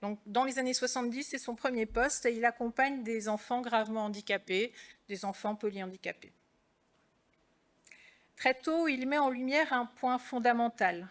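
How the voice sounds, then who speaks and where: Higher-pitched woman giving a measured conference talk. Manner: measured, structured delivery. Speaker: clinical psychologist and trainer. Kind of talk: conference presentation.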